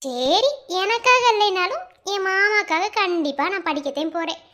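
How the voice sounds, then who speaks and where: A woman voices a young village wife in a cartoon love story. She speaks with a Madurai Tamil accent in a very high, girlish voice, earnest and playful by turns. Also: expressive, normal speed, pushed and bright, full character voice. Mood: teasing. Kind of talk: cartoon voice acting.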